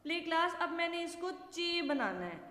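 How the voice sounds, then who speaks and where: A woman teacher giving a slow, patient alphabet lesson to young children, asking questions and answering them herself. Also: very high-pitched, very animated, pushed and bright. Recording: echoey room with long reverb.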